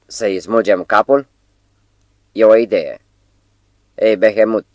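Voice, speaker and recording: A bleating, goat-like trickster taunts with mock politeness and open menace, as a man puts him on for an audiobook. The voice sits fairly low beneath the bleat. The recording is dry and close. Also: steady tone, darkish tone, dry recording, muffled recording, close to an everyday voice. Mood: menacing. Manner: mocking, menacing. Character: mocking male sidekick with bleating voice.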